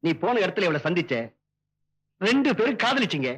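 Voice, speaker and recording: A man's voice: high voice, sing-song, brisk, fairly bright tone, slightly rough, heavily acted. An actor playing a stern wealthy father who scolds his son angrily, in an older film. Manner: angry, scolding, commanding.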